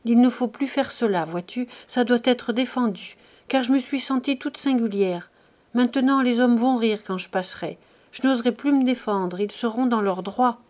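A woman's voice: on the high side, normal speed, darkish tone, natural voice. A woman reading as a frightened, tearful teenage girl. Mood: distressed. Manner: pleading and distressed. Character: frightened ashamed thirteen-year-old girl, tearful.

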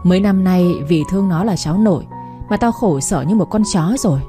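A woman voicing an angry older mother-in-law who scolds and curses in a fast, harsh voice. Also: on the low side, lively intonation, warm tone, soft background music, close to an everyday voice. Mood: furious.

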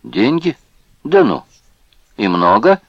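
A brutal male camp guard jeers in a raised, loud voice, as a man puts him on in an audiobook. The sneer rides on a pitch well above the reader's own deep voice. The recording is close and dry. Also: big pitch swings, slow, gravelly, no room sound, lo-fi sound, exaggerated voice. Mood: jeering. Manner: jeering, sneering.

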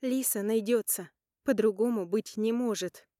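Steady, reassuring sister, as a woman reads her, warm and mellow in a dry, close sound. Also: fairly high pitch, dry recording, lightly acted. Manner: clear, deliberate, reassuring. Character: calm, firm adult sister, soothing and resolute.

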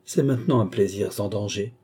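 A man's voice: lowish voice, fairly quick, a little mellow, breathy edge. A man voicing a witty, aging duke in an audiobook, mocking and theatrical in his banter. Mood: mock protest. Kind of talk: audiobook character voice.

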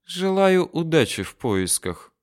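A man voicing a calm, menacing male desert soldier officer who talks softly and mockingly. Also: on the high side, unhurried, voice pushed up. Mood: coolly mocking. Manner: soft, coolly mocking.

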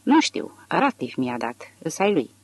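A plain, stubborn country woman from an audiobook, as voiced by the reader, giving flat, insistent replies. Her lines are recorded close and dry, with no room echo. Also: medium pitch. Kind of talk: audiobook character reading.

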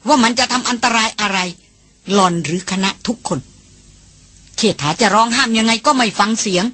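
Husky woman reading an audiobook. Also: a little high, no room sound. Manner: steady, measured storytelling. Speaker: audiobook reader. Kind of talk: scripted narration.

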